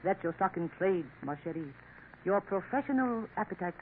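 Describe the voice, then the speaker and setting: The scene is a 1950s radio drama: an actress portrays a worldly, scheming café woman in Paris who coaxes slyly and knowingly, tossing in French endearments. Her medium-pitched voice is animated, close to everyday, at normal speed, with tinny sound and faint hiss.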